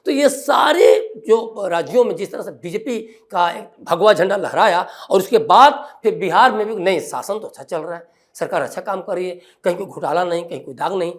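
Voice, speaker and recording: A male political commentator on a television news panel. He argues emphatically, piling up points and rhetorical questions in a pointed, forceful delivery. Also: high-pitched, expressive, brisk.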